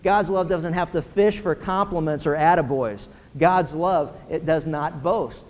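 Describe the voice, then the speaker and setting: A man delivers a sermon with a fairly high voice that rings out through a long hall reverb. He talks to the congregation casually, dropping softly for prayer and lifting for emphasis. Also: unhurried. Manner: conversational preaching, shifting between soft prayerful tones and emphatic points. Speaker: pastor.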